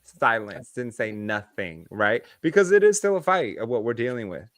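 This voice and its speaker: A man co-hosting a podcast, telling animated stories in casual chat and swearing freely. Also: mid-range voice, normal speed, no echo, clean studio sound. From United States. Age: adult, past his early twenties. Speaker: podcast co-host.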